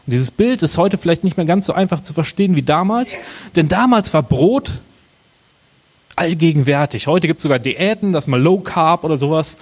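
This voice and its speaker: Man, young adult, pastor, sermon, husky, slightly high voice, emphatic pauses. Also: darkish tone. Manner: dramatic pauses, slow emphatic phrasing.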